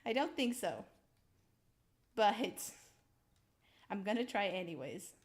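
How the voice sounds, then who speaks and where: A young woman casually talking through her building in a video game, rambling slowly with lots of ums and little laughs. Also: mid-range voice, big pitch swings. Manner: slow, rambling, giggly, full of ums. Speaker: streamer building in a survival game. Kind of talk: casual gameplay commentary.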